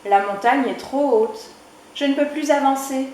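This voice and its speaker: A woman voicing a calm, protective talking river in a children's storybook reading, in a steady warning tone. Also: high-pitched, moderate pace, a little hiss or hum, pitched above the performer's own voice, lightly acted. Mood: matter-of-fact. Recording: echoey room.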